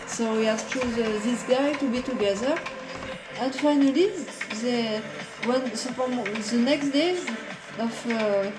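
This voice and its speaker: A woman with a slightly high voice co-hosts an online radio show, recalling a story casually and slowly piecing it together with many ums and restarts. The room is echoey, and music plays behind her.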